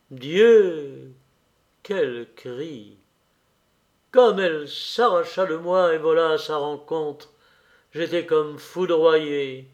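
A man narrating a literary novel aloud in an expressive, measured, emotional way. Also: fairly high pitch. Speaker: audiobook narrator.

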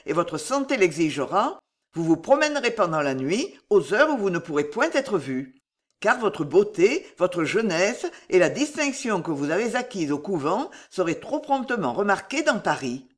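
A narrator voicing a menacing, commanding false priest in an audiobook of a classic novel, with a measured, domineering delivery. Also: mid-range voice, lightly acted.

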